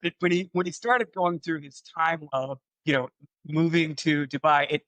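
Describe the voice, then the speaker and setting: A man's voice: on the high side, steady tone, moderate pace, a bit bright, dry recording, rough recording. A man hosting a casual podcast interview, teasing his guest and rambling with restarts. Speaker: podcast host, company CEO.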